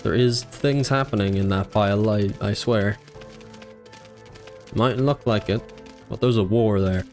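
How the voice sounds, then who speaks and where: A man's voice: lowish voice, measured pace, a little mellow, faint music behind. A man narrating his gameplay as a gaming YouTuber, in a dry, joking scripted voice-over.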